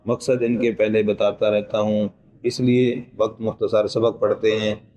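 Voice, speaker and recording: A man teaches a recitation pronunciation lesson, patiently explaining each sound letter by letter, asking his class questions, and at times chanting verses in a long melodic tone. His lowish, mellow voice is level and unhurried, but the audio is poor.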